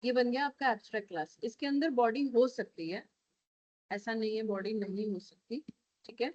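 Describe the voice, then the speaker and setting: A woman's voice: on the high side, fairly even intonation, normal speed, a little mellow, no room sound. Indian woman teaching code, dull dry audio. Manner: switches between Hindi and English, coaxing with frequent checks. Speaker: programming teacher. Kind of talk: live coding lesson.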